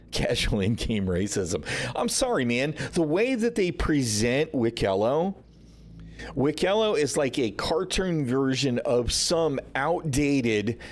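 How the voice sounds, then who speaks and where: A man hosting a gaming livestream, ranting casually with sarcasm and frequent swearing. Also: medium pitch. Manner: frustrated, sarcastic, swears often. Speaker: livestream host.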